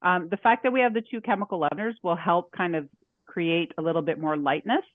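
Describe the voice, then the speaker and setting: A woman home economist walks viewers through a recipe in a relaxed, chatty way, narrating each step as she goes. Her voice comes through thin and phone-like. The sound is dry, with no room around it. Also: lowish voice, quick pace, dry recording. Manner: chatty, laughs often, talks through her steps. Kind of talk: cooking demonstration. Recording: dry tinny phone-like audio.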